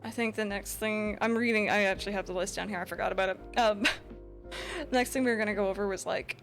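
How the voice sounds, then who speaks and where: A woman's voice: medium pitch, fairly even intonation, fast talker, a bit bright, soft background music. Giggly woman co-hosting a stream. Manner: giggly, many ums and likes. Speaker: co-host streamer. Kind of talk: casual stream chat.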